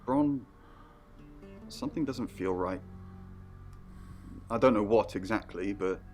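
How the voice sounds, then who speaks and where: A somewhat low male voice, a tense investigator in a mystery game. He sounds worried and earnest and keeps it low-key. Faint music runs beneath his lines. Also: slow, a little mellow. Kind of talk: game character dialogue.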